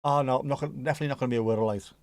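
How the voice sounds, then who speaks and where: Racing along in a steady, medium-pitched voice, a Scouse man from around Liverpool, England hosts a livestream, reacting casually to the live chat. He jokes and swears occasionally, and the recording is dry with clean studio sound.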